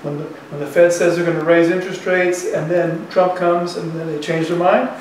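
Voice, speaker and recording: An economics professor in his sixties thinks aloud while lecturing colloquially at a chalkboard, his fairly high voice level in tone and moderate in pace. The university classroom is very echoey, the mic sits some distance away, and faint background noise is present.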